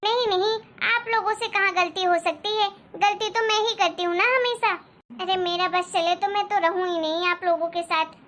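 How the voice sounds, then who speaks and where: A woman's voice: very high-pitched, fairly even intonation, normal speed, fairly bright tone. A woman voicing a resentful young daughter-in-law who complains sarcastically in a cartoon story. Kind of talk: Hindi cartoon story dialogue.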